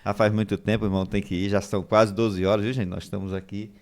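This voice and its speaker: A man's voice: fairly low pitch, level tone, fast, darkish tone. A man hosting a podcast, affirming his guest and wrapping up the conversation in casual chat. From Brazil. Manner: affirming, wraps up with filler "né". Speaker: podcast host.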